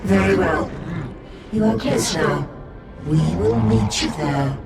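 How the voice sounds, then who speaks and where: Against loud background music, a man plays a coldly polite game villain: a monstrous collective abomination, male, that speaks as "we." He takes it slowly, his gravelly, fairly high voice carrying a menacing calm, and the audio sounds distant and echoey.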